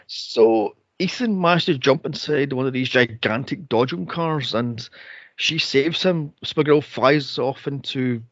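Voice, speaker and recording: A man's voice: mid-range voice, measured pace, dry recording, highs cut off. A man co-hosting a movie podcast, retelling scenes with sarcasm, swearing and exasperation. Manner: sarcastic, exasperated, swears a lot, mocks scenes in put-on voices. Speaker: podcast co-host. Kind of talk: casual movie review chat.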